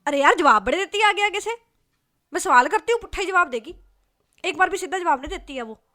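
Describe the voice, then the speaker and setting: Woman playing a fed up young woman ranting loud and high about a rude coworker. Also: lively intonation, normal speed. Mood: furious. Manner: loud, exasperated complaining.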